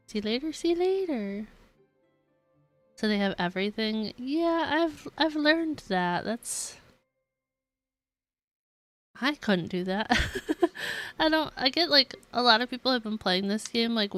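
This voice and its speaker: Slightly high and a bit bright, this woman's voice is captured in a dry recording. She's chatting with viewers during a game stream over game music, rambling, giggling and hedging constantly with "like."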